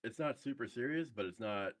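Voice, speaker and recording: A young man chatting casually over group voice chat while gaming, hesitant and halting with lots of fillers. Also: medium pitch, expressive, no echo. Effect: heard over group voice chat.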